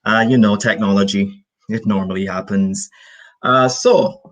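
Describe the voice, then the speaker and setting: A man from Barbados, teaching an online English lesson over a video call and explaining slowly, with many repetitions and synonyms. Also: fairly low pitch, fairly even intonation, rough recording.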